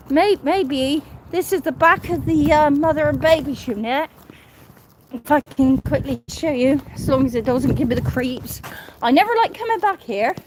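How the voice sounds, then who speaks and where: A high-voiced woman chats her way through a night-time walking tour, a little short of breath. She rambles, circles back and restarts her phrases. Her phone picks her up outdoors, with faint street noise behind her. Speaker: vlogger. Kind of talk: casual live walking tour. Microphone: phone held while walking.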